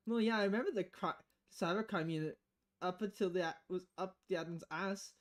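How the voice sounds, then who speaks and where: A woman with a fairly low, brisk voice streams a visual novel, reading its text aloud with expression. As a video game streamer, she often stumbles over the words and corrects herself.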